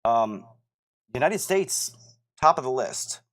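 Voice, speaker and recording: A man co-hosting a casual podcast in a middle-pitched voice. He explains his points steadily and keeps his humor dry. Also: animated, slow, fairly bright tone. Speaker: podcast co-host.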